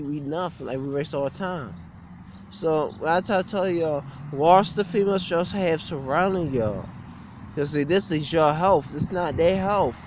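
A young man with a slightly high voice rants bluntly and repetitively to camera, sounding aggrieved in this informal gym vlog. It was recorded outdoors beside a brick building on a street, on a phone or webcam held at arm's length, against a noisy background.

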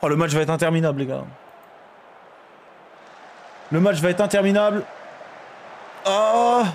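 Young male streamer, high-pitched, excitable game commentary with outbursts, faint background noise. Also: unhurried. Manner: excitable, swings from shouting to muttering.

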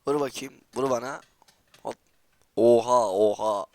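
A man giving excitable gameplay commentary as a channel host, trash-talking and swearing, repeating words in rapid bursts. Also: medium pitch, no echo.

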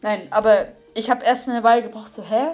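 A woman's voice: a little high, fairly even intonation, fairly quick, darkish tone, soft background music. A woman hosting a casual reaction video, rambling, giggly and apologetic.

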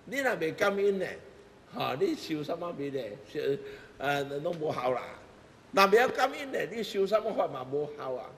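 A man's voice: fairly high pitch, sing-song, moderate pace, slight background noise. A middle-aged man with a Taiwanese accent gives a Buddhist sermon, emphatic, with rhetorical questions and repeated phrases. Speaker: Buddhist master giving teachings. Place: temple hall before a seated congregation. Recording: echoey hall, music bed underneath.

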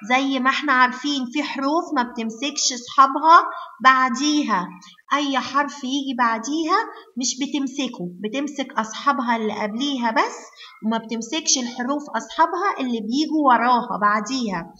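A woman with an Egyptian Arabic accent teaching young children to read, sounding out letters slowly and praising them often. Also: high voice, sharp tone, lo-fi sound. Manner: slow, drawn-out sounding of letters, praising and coaxing. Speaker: kindergarten teacher. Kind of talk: online phonics lesson for young children.

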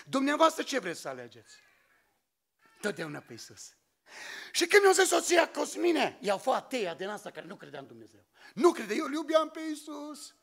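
A man preaching an emotional sermon testimony in church, his voice breaking at times and bursting into shouts. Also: extremely high pitch, huge pitch swings, vocal fry.

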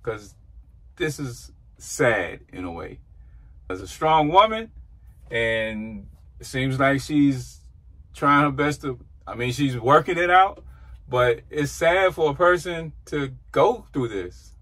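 A trucker vlogger in his forties shares rambling, earnest thoughts from his truck cab into a dashboard camera, in a casual reflective talk. His medium-pitched voice is expressive and fairly bright, moving at a slow pace.

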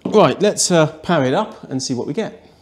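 A middle-aged man with a slightly raised pitch talks his way through a hands-on job, polite and chatty. His tone stays friendly and practical as he works things out aloud. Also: animated, fairly quick. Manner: polite, chatty, thinks aloud while working. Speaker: video channel host. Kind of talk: casual hands-on vlog chat. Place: indoor home rooms.

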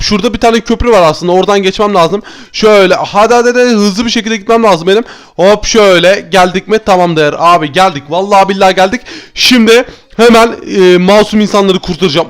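A man doing Minecraft gameplay commentary as a YouTuber, excitable and chatty, talking to his viewers as friends. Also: high voice. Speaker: gaming YouTuber.

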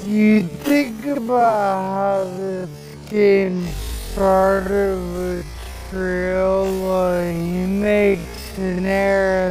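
Slowed-down man giving baseball analysis. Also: sits high, low-quality recording. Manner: casual, praising the player. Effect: slowed-down playback. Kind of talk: post-game sports analysis. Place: TV studio desk.

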